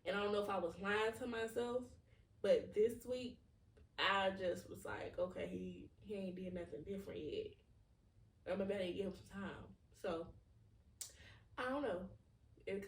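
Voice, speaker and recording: Far from the microphone in a room with plenty of echo, a podcast host in her 20s delivers a reflective personal monologue. She speaks in a mid-range voice, openly and ramblingly sorting through her feelings with lots of "like."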